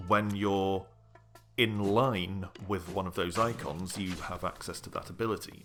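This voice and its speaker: A man narrating a casual game review in a measured, explanatory way, often pausing with "um". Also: sits low, fairly bright tone. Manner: measured, explanatory, with frequent ums.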